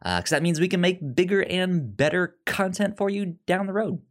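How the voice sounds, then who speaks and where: This man hosts a podcast in a relaxed, conversational manner, often stumbling over and repeating syllables. He speaks at a moderate pace in a voice that sits high.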